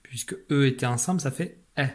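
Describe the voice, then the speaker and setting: A man's voice: mid-range voice, quick pace. A man teaching a spelling dictation lesson, speaking patiently, repeating each syllable and sometimes whispering it. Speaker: primary school teacher.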